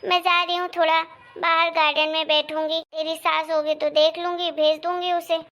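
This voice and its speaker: Woman doing a sweet old dadi, comforting, high cartoon voice. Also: little pitch movement, moderate pace, a bit bright. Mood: reassuring. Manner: reassuring and affectionate. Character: kind, protective old grandmother. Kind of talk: cartoon story voice acting.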